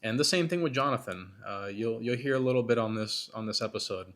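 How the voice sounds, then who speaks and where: A podcast host talks quickly at a medium pitch, his slightly bright voice worn and hoarse as he recovers from being sick and loses his voice. In casual solo commentary between interview segments, he rambles self-critically with many restarts and fillers.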